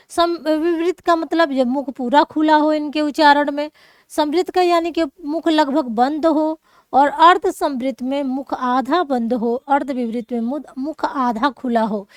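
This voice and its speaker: A woman's voice: sits high, no room sound, studio quality. A woman teacher explaining grammar rules step by step, checking in often with her students. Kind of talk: classroom lesson.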